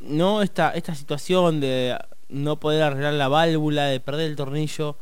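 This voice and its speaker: A man's voice: on the high side, fairly even intonation, moderate pace, smooth, dry recording. An Argentine man in comic banter, teasing his partner and playing a mock therapist. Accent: Argentine Spanish.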